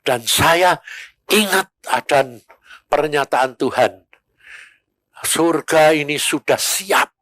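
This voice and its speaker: Older man, evangelist preacher, slow unhurried delivery, animated storytelling. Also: on the high side, no room sound. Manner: animated storytelling, acting out quoted voices. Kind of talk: sermon with storytelling.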